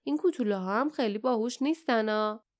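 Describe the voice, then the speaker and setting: A woman voicing a bold, sharp-tongued girl who talks in a curt, scornful way. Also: on the high side, natural voice.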